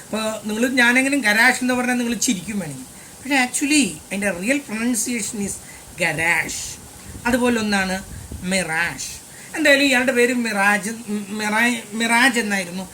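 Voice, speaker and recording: A man's voice: very high-pitched, expressive, moderate pace, sharp tone, a little hiss or hum. An older man, a maths teacher, giving a lesson as a chatty, digressive personal story and slipping in English phrases.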